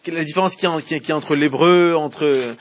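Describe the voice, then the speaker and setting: Here a man with a somewhat high voice speaks rapid-fire while teaching a Torah class. The lesson is in French with Hebrew readings, he asks students lots of questions and restates things as he explains, and the classroom recording is muffled and lo-fi.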